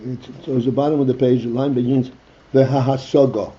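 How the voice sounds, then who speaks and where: A man teaching a text study class, reading Hebrew phrases aloud and explaining them slowly in English, stopping now and then to clear his throat. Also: mid-range voice, little pitch movement, dark tone, lo-fi sound, a little hiss or hum.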